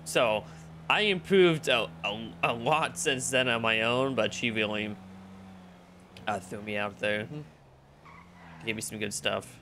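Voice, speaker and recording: A man's voice: on the low side, takes it slowly, long pauses, sharp tone, a little hiss or hum. A young man streaming, chatting casually and rambling with lots of fillers. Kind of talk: casual chat.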